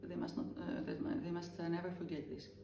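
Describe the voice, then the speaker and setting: A woman from Greece with a Greek accent, speaking English as a second language in halting, earnest interview answers full of pauses. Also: lowish voice, flat delivery, reverberant, far from the mic, background noise. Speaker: traditional drummer.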